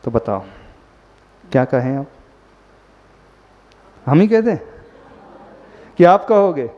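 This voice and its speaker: In a warm, slightly high, sing-song voice, a Jain monk preaches at a slow pace to a gathered audience. He often questions his listeners and mixes English words into his sermon. The sound is dull and lo-fi, washed in long hall reverb.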